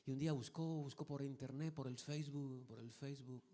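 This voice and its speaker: Male pastor, mid-pitched voice, sermon delivery: repeated rhetorical questions, loud peaks falling to hushed storytelling. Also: fairly even intonation, a little fast. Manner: preaches with big swings from loud exhortation to soft, hushed storytelling.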